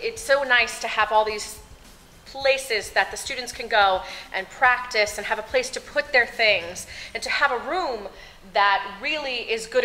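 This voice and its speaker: Bright-voiced enthusiastic choir teacher woman. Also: fairly high pitch, slight background noise, poor audio. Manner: enthusiastic, gestures broadly while talking. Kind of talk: on-camera school interview. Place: large bright empty classroom.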